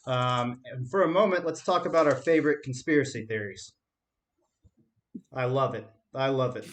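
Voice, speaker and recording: A young man co-hosts a podcast in loose, comedic banter. He jokes and laughs often as he talks, and his voice sits at a middle pitch. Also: moderate pace, slight background noise. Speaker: podcast co-host. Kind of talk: casual comedic chat.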